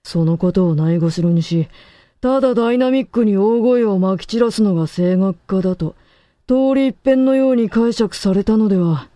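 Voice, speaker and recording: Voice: medium pitch, normal speed, dark tone, no room sound. A co-host who delivers stern, lecturing verdicts in short declarative sentences. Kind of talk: terse authoritative pronouncements.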